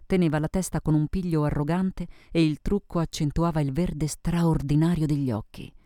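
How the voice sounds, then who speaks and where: A man narrating a novel in the first person with a measured reading manner. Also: on the high side, fairly even intonation, dark tone, no room sound, clean studio sound. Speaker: audiobook narrator. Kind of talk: scripted narration.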